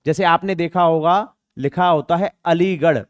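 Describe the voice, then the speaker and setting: A man's voice: fairly high pitch, steady tone, moderate pace, clear, resonant tone, no room sound. A man teaching an exam-prep grammar lesson, asking rhetorical questions and repeating words to show pronunciation.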